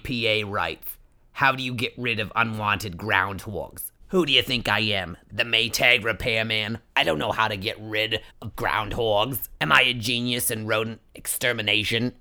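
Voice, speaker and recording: A man's voice: on the low side, normal speed, sharp tone. A man voicing a cranky older woman who answers listener questions, indignant and sarcastic. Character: cranky New York older woman advice columnist.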